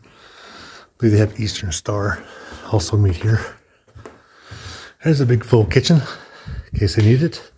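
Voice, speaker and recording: A vlogger narrates a walking tour through the indoor hallways and large rooms of a building, chatty, thinking aloud with restarts and a bit out of breath. His lowish, mellow voice moves at a measured pace with frequent pauses, over a little hiss or hum.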